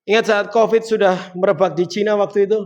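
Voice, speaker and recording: High-voiced preacher man delivering a sermon. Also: steady tone, fast talker. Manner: addresses the congregation directly with questions.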